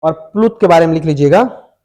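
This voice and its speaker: A male teacher giving a classroom lecture, repeating each definition slowly for students to write down and asking the class questions. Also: a little high, warm tone. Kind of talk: classroom lecture, dictating notes.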